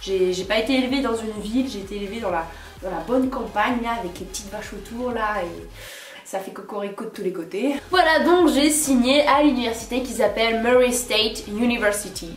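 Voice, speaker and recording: A woman's voice: fairly high pitch, brisk. A young French woman vlogging in a chatty, playful way, filling her talk with little asides. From France. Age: young adult. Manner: chatty, many fillers and "hein", playful asides. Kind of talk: casual chat to camera. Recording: echoey room, mic at a distance, faint music.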